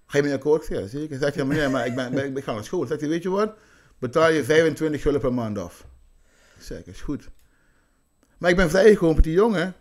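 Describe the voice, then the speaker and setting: A man's voice: on the high side, fast talker. A man from Curaçao telling school stories on a podcast, acting out the dialogue as he talks. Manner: animated anecdotes, acting out quoted dialogue. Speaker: podcast guest. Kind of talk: casual storytelling chat.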